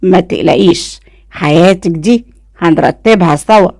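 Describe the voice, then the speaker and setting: A woman with an Egyptian accent voicing a calm, blunt young man in a spoken story. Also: fairly low pitch, moderate pace, no echo, studio quality, close to an everyday voice. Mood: cool. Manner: calm, curt and cold.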